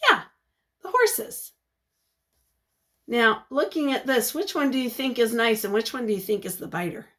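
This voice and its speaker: Reading a picture book in a teacherly style, this woman sounds expressive and encouraging, with a voice a little on the high side. She pauses to put questions to the children listening.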